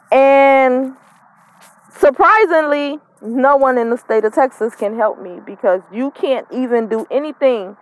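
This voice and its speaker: Slow-talking frustrated mother, dry sound. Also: on the high side, no echo. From not from Mississippi, lived up north. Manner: frustrated, emphatic, repeats points to the audience. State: emotional, holding back tears, smoking. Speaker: mother telling her custody story. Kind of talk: casual direct-to-camera vlog.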